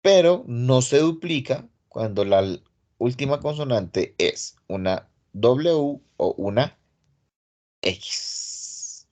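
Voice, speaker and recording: Man, online English teacher, patient step-by-step explaining, mid-pitched voice, computer mic. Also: lively intonation, slow, darkish tone. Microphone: computer mic on a video call.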